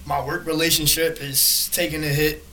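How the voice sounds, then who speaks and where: A man's voice: on the high side, level tone, normal speed, bright, forceful tone, slight background noise. A young man co-hosting a podcast in casual, slangy bro talk, peppered with "bro" and "like". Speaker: podcast co-host. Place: studio.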